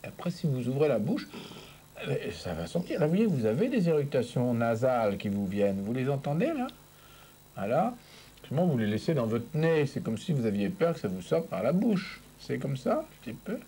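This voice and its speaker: This speech therapist speaks at a normal speed in a medium-pitched, sing-song voice with a dark tone and a breathy edge. With a French accent, he patiently and encouragingly walks a patient through voice exercises, frequently checking understanding and repeating "vous voyez."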